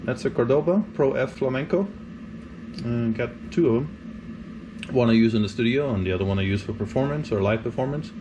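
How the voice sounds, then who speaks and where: A man's voice: mid-range voice, noisy background. A man, a guitarist, talking casually through a step-by-step pickup install with lots of ums and uhs. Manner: casual, unhurried explaining with frequent ums and uhs. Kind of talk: step-by-step DIY tutorial.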